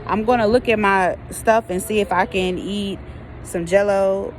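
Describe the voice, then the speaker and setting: A woman's voice: medium pitch, fairly even intonation, unhurried, a little hiss or hum, low-quality recording. An American woman chatting casually to her viewers in an informal, folksy, rambling way, often drawing out hesitant phrases. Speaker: vlogger.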